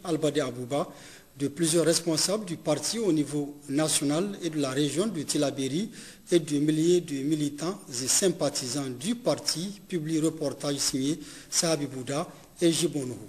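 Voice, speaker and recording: A man presenting a news bulletin with clear, formal announcing. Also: on the high side, moderate pace, darkish tone. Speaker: news anchor.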